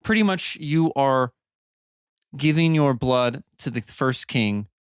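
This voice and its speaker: Halting man narrating as game master. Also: medium pitch, expressive, clear, resonant tone, no echo, clean studio sound. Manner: loose, halting narration with many fillers.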